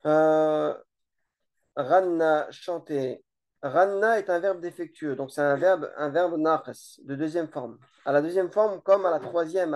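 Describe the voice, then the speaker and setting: A relaxed teacher giving an informal grammar lesson, explaining slowly with many hesitations and repeated words. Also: medium pitch. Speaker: Arabic teacher.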